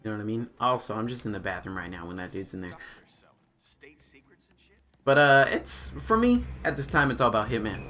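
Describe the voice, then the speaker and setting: A man's voice: fairly low pitch, sing-song, normal speed, long pauses, pushed and bright. A man doing casual, slangy live commentary on a video game, chatting to viewers and talking to himself and the game's characters.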